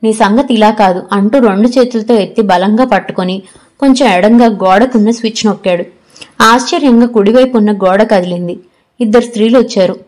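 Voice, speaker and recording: A woman reading a novel aloud in audiobook narration, measured and expressive. Her voice sits at an ordinary medium pitch. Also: rough recording.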